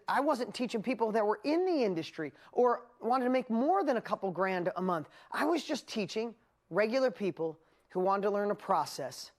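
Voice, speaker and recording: New york lady doing a motivational seminar talk, storytelling with lots of energy, mid-pitched voice, acts out what she was thinking. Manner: energetic storytelling, acting out her own inner voice. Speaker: seminar presenter.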